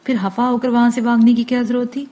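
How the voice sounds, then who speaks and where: Woman reading a fed-up young guy pleading and arguing, soft dark tone. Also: on the high side, level tone, close to an everyday voice. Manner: pleading, irritated. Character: exasperated young man, a university student.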